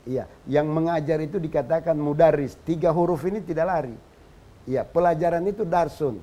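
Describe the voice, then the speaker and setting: A man's voice: a little high, moderate pace, mellow. A man from Indonesia, a religious scholar teaching on a TV talk show, explaining points and reciting Arabic verses in a chanting cadence.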